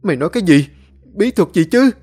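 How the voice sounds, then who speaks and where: Earnest young male disciple, high and loud, husky; a man voicing him in a story reading. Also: animated, fairly quick.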